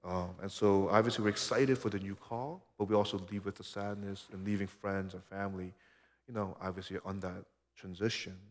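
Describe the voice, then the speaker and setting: A man from Korea, around his thirties, giving a sermon as a pastor in an earnest, conversational way that often drops to a soft hush. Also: sits low, steady tone, brisk. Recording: long hall reverb.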